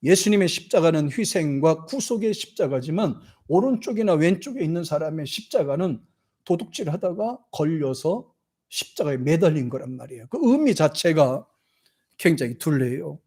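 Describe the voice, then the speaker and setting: A man preaching in a church, his somewhat high voice husky and dark-toned. He swings his pitch widely, and now and then he acts out the quoted lines of scripture figures. Every so often he stops to lead the congregation in reading verses aloud. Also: expressive, moderate pace. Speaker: pastor. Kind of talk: sermon. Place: church sanctuary.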